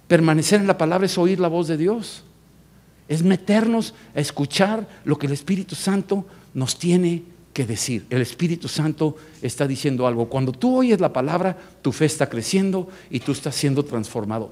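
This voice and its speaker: Husky Mexican preacher, loud and soft. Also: male voice. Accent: Mexican Spanish. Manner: emphatic preaching, swings from loud to low. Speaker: pastor. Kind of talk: sermon.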